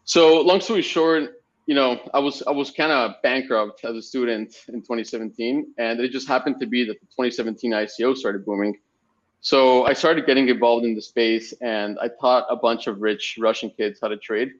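Podcast guest: young man from Spain, chatty and meandering, mid-pitched, slightly dull lo-fi sound. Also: steady tone, moderate pace. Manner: rambling storytelling with frequent fillers. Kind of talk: casual podcast interview.

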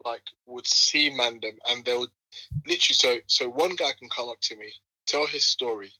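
A man's voice: mid-range voice, normal speed, dry recording, rough recording. A man in his twenties with an urban London roadman accent, telling stories casually in slangy, conversational speech as a podcast guest. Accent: London, urban multicultural roadman slang. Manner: slangy, animated retelling with quoted exchanges. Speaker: podcast guest, running group co-founder.

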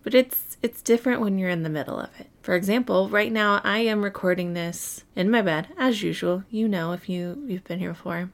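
A woman's voice: medium pitch, brisk, hardly any pauses. A woman hosting a solo podcast, talking casually and candidly straight to her listeners in a chatty way. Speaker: podcast host. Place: bedroom, recorded lying in bed.

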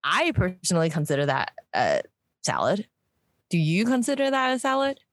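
A woman from the United States co-hosting a casual chat, playful and quick to laugh, teasing with questions. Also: lowish voice, very animated, no echo. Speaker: podcast co-host.

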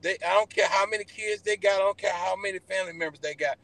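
A man with a Southern US accent telling stories casually as an interview guest, animated and folksy, repeating phrases for emphasis. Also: sits high, fast talker, gravelly, dry recording. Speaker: podcast guest, barbecue pitmaster.

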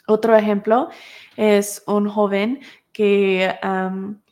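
A woman's voice: medium pitch, little pitch movement, very slow, darkish tone. A woman teaching a class, explaining with everyday examples and repeating words for emphasis. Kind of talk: recorded class lesson.

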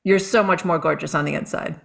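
A woman's voice: low-pitched, steady tone, a little fast, creaky, fairly bright tone. Chatty woman podcast host. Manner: chatty and effusive, announcer-style intro reading. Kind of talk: casual podcast interview.

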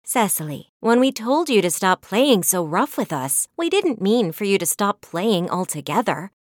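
A woman's voice: medium pitch, very animated, moderate pace, no echo, clean studio sound, close to an everyday voice. A woman voicing a patient, plump red female cat who speaks with theatrical flourish in a storybook. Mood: gentle. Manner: theatrical, dramatic lament.

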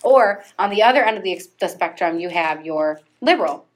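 A woman's voice: fairly low pitch, animated, a little fast. A young woman co-hosting a casual podcast, rambling with lots of fillers and frequent laughter. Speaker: podcast co-host. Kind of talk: casual chat.

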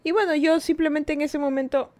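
A young woman hosting a podcast, telling a personal story in a casual, animated way and acting out what people said. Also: high voice, fairly quick. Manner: animated, chatty, acts out quoted dialogue. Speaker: podcast host.

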